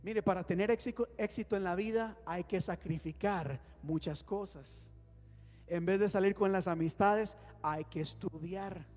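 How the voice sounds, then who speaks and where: Here a pastor, unhurried and a little mellow, speaks in a voice that sits high. He preaches to a congregation in a church hall, asking them to respond and leading prayer. The sound has long hall reverb and faint music.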